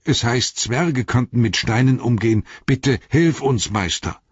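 A man's voice: medium pitch, lively intonation, unhurried, husky, no room sound, dull audio, pitched above the performer's own voice. A man voicing an old male soldier who pleads urgently for help, in an audiobook reading. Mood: urgent pleading. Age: older.

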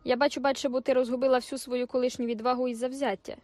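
A woman's voice: high-pitched, flat delivery, fast, darkish tone, no echo, pitched above the performer's own voice, close to an everyday voice. A woman reading the lines of a brash, dismissive young male soldier, curt and commanding. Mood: brusque.

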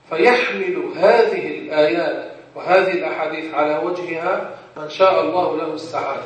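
Levantine man teaching a religious lesson. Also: a little high. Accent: Levantine Arabic. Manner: asks rhetorical questions and answers them himself. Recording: very echoey room, distant mic.

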